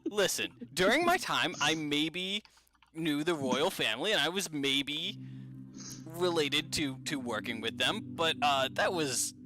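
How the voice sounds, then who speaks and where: A man's voice: on the high side, pitched above the performer's own voice. Man doing a stammering giant ghost, rambly and defensive, voice jumping around. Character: flustered ghost of a male cloud giant. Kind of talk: tabletop game role-play.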